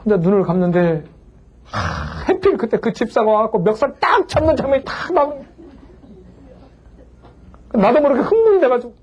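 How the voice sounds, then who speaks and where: A man preaching in Korean, telling a personal story with animated swings from hushed to crying out, acting out the voices he quotes. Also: very high-pitched, a little fast, long pauses, highs cut off, a little hiss or hum. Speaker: pastor and lecturer. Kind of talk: sermon-style storytelling lecture.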